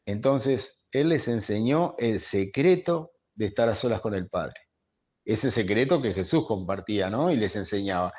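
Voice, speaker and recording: A man's voice: fairly low pitch, lively intonation, normal speed, a little mellow. A man, a pastor preaching conversationally and telling stories, often tagging phrases with a questioning aside. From Uruguay. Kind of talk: storytelling sermon.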